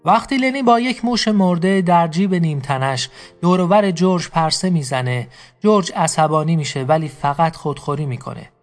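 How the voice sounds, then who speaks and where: A man's voice: on the high side, faint music behind. Male storyteller narrating dramatically. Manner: addresses listeners directly, dramatic.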